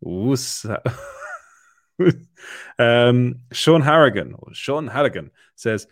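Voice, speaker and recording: A man's voice: medium pitch, expressive, slow, dry recording, studio quality. A man hosting a casual live stream, reading chat comments aloud with lots of fillers and laughter. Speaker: livestream host reading chat.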